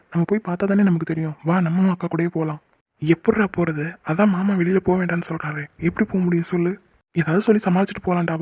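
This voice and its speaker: A man voicing a cheeky young brother-in-law in a cartoon, a lively young man. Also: high voice, husky, dry recording. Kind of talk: cartoon voice acting.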